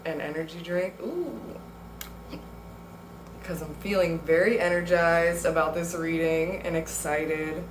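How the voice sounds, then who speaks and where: A low-pitched woman talks through a tarot reading in an unhurried, chatty way. She fills her sentences with little pauses and soft laughs. Her tone stays loose and conversational. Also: reverberant, background noise. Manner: chatty, laughs easily, many fillers. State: has the hiccups. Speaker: tarot reader. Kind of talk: casual spoken tarot reading.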